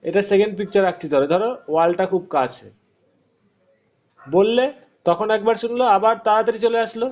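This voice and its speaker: High-voiced male teacher quizzing his class. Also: fairly quick, long pauses, a little mellow, lo-fi sound. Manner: explains step by step, quizzing students. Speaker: physics teacher. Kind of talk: online class explanation.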